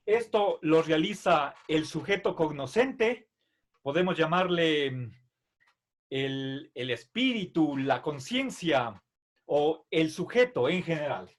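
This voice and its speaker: Slow-talking, high-voiced male teacher. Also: expressive. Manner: unhurried and explanatory, with frequent fillers and checks for understanding. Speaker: philosophy teacher. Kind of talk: online philosophy lecture.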